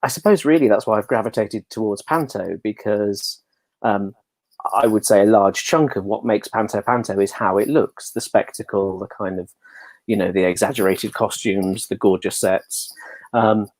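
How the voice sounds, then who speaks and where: This English interview guest, a pantomime dame performer, swaps jokey, self-mocking stories in relaxed conversation. He speaks at a moderate pace in a fairly low, slightly mellow voice, with no echo.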